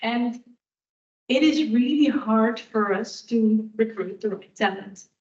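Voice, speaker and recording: A woman's voice: a little high, takes it slowly, a little mellow. A woman guest speaker answering audience questions in a candid, reflective way. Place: university lecture hall. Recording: echoey hall, distant dull room mic.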